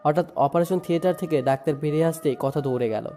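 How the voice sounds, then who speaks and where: Mellow-voiced man narrating a sad story. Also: fairly high pitch, fast talker, soft background music. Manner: sorrowful, emotive. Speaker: narrator and lead voice. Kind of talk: first-person dramatic story narration.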